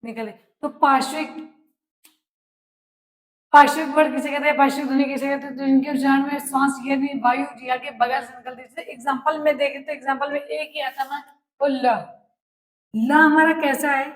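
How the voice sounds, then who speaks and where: A woman teacher giving a lesson, repeating each phrase slowly for students to write down and answering her own questions. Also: sits high, fairly even intonation. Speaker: Hindi teacher. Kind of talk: classroom lesson, dictating notes. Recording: echoey room.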